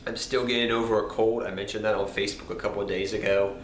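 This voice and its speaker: A card game channel host with a cold talks casually to camera, his voice nasal, lowish, level, and fast. He rambles, repeats himself, and apologizes to viewers. The room is echoey with faint background noise.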